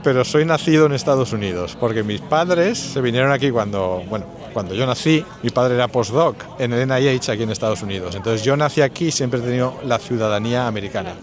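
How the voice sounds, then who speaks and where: A man's voice: medium pitch, fast, few pauses. A man from Spain, a scientist, answering interview questions in long explanatory runs. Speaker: scientist and association organizer. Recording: outdoors with crowd chatter behind.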